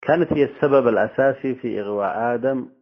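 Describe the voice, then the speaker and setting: A man giving a formal religious lecture to an audience, speaking in measured phrases with pauses. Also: mid-range voice. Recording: tinny phone-like audio.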